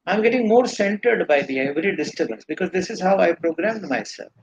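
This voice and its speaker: A man's voice: high voice, lively intonation, fairly quick, slight background noise, poor audio. A man with an Indian accent giving earnest, rambling spiritual teaching in a live question-and-answer session. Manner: earnest, rambling explanations with restarts.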